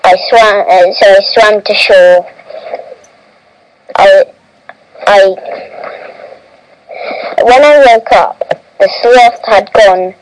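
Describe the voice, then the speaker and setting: A woman reads a first-person adventure tale aloud at a slow, deliberate pace. Her delivery is halting, with frequent restarts and self-corrections. Her pitch sits in an ordinary middle range. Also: poor audio.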